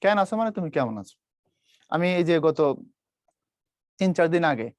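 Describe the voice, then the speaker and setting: A man's voice: a little high, dry recording, clean studio sound. A man from Bangladesh teaching a live online class, quizzing students and imitating regional dialects. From Brahmanbaria, Bangladesh.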